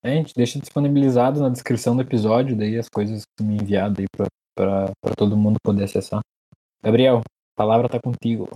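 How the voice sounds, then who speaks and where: A man co-hosts a podcast discussion in a casual, southern Brazilian accent. His voice is relaxed and dark, with hardly any room sound. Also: lowish voice, fast, breathy edge, no room sound, rough recording. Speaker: podcast co-host.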